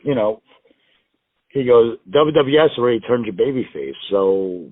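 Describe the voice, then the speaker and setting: Expressive and unhurried, a medium-pitched US wrestler tells rambling, self-mocking stories as a guest in a casual interview, laughing frequently. The tinny, dry phone line carries no echo.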